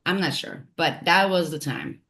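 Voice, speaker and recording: A woman from Turkey, a poet and translator, talking reflectively in an interview, thoughtful and halting with many fillers and restarts. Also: on the low side, fairly bright tone.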